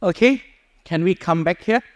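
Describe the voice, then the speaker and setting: A friar from Indonesia speaks into a microphone, sharing his personal story with a small group. His voice is high-pitched and moderately paced, earnest and conversational, and he rephrases as he goes; there's no echo.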